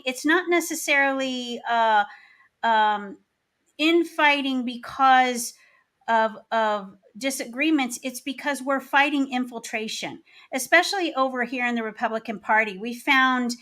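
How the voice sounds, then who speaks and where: A woman's voice: fairly high pitch, a bit bright. Earnest woman podcast host. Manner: earnest, emphatic, searching for words. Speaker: podcast host and party chair. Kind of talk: casual interview chat.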